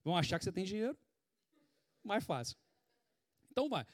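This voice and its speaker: A man with a Brazilian Portuguese accent preaching a sermon in a conversational, animated way, full of rhetorical questions, sweating as he speaks. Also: high voice, a little fast, dry recording, studio quality. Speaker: pastor.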